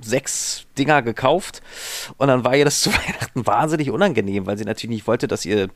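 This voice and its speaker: A man's voice: mid-range voice, fairly quick, fairly bright tone, dry recording. A man from Berlin, a podcast guest, telling stories from his bed in a rambling, hesitant casual chat full of fillers. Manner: rambling, digressive, with many hesitations.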